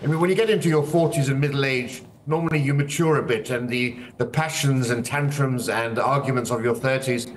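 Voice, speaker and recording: A man offers royal commentary over a remote link, his voice sitting back from the microphone. He talks in a measured, opinionated way with plenty of hedging fillers. A faint room ambience hangs behind him. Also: medium pitch, far from the mic, slight background noise. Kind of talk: news commentary.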